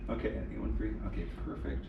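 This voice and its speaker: An upbeat, chatty man in his thirties walks homeowners through paperwork in a living room, his voice sitting on the low side. He is recorded from across an echoey room with a fair amount of background noise. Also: animated, vocal fry, highs cut off. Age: 30s. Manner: upbeat, chatty, rattles off terms quickly. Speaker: solar salesman. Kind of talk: in-home sales appointment. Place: indoors in a home living room. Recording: echoey room, distant mic, noisy.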